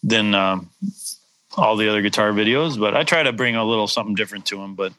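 A middle-aged Wisconsin guitarist with a slight Upper Midwest accent chats casually, rambling and self-deprecating, restarting often. His voice is on the low side, fast, bright and forceful. The audio quality is poor.

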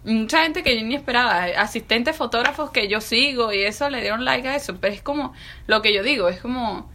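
Bright-voiced woman sharing a personal view. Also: a little high, brisk, a little hiss or hum. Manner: earnest, personal, many fillers. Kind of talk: casual chat.

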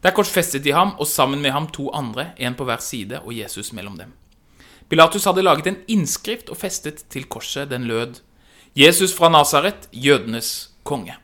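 A man reading scripture aloud as a dramatic narration. His tone is bright and forward, and the delivery measured and expressive. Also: mid-range voice. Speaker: scripture reader.

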